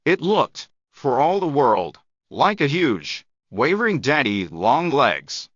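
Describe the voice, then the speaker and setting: Bright-voiced man reading a story phrase by phrase. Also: medium pitch, very animated, no room sound, muffled recording. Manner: measured phrase-by-phrase delivery with long gaps. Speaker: narrator of English shadowing practice. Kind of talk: scripted audiobook narration.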